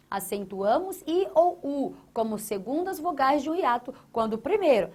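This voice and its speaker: A woman with a fairly high voice leads a grammar lesson. She is emphatic and keeps putting questions to her student, then answering them herself. She repeats each key phrase to drive it home. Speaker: Portuguese grammar teacher.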